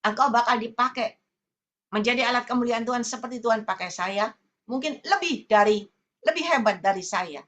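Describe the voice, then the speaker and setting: A woman evangelist preaching a sermon over a video call, swinging between loud emphasis and low asides. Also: moderate pace. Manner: addresses listeners as brothers and sisters often.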